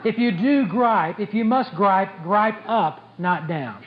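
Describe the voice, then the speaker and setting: A man's voice: high voice, lively intonation, slow, a crowd in the background. A man giving a motivational speech to a sales audience, blunt and joking, repeating his key points for emphasis. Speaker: motivational speaker at a sales conference. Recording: dull lo-fi tape with faint background noise.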